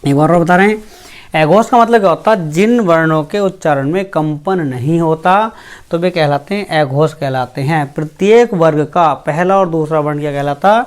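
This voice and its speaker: During a grammar lesson, the teacher asks the class questions and then answers them, goes over each point again, and pronounces every letter slowly. The voice is mid-range, with points repeated and "theek hai" used as filler.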